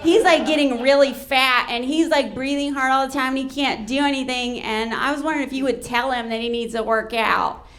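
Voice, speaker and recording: Woman putting on a young woman voice, high, thin, girlish, breathy. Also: fairly quick, fairly bright tone. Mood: worried.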